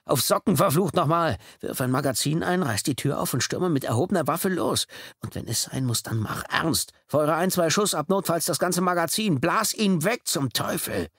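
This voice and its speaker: A man doing a panicking police officer, loud and raised in pitch, hurling urgent commands. The storybook reading is dry and close. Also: lively intonation, moderate pace, gravelly, breathy edge, dry recording, exaggerated voice. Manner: urgent, shouted commands to himself. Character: panicking male police officer, middle-aged.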